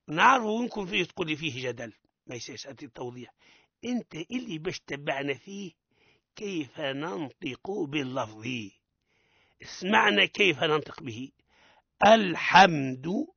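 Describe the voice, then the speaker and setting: A man with a Tunisian Arabic accent teaching Quran recitation on the radio, correcting mistakes firmly and drawing out example words slowly to show how they are said. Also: on the high side, sharp tone, dry recording. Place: radio studio. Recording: dull lo-fi radio broadcast.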